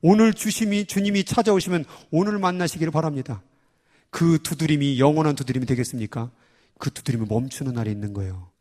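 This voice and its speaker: A man preaching a sermon as pastor, animated and acting out little prayers and voices. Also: a little high, fast, long reverb tail.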